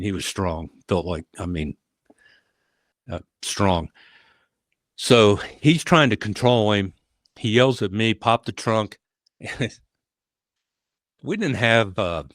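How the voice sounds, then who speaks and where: Low-voiced man telling a police story. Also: no room sound, clean studio sound. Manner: animated storyteller with frequent uh fillers and restarts. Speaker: retired police leader, podcast guest. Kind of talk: conversational storytelling.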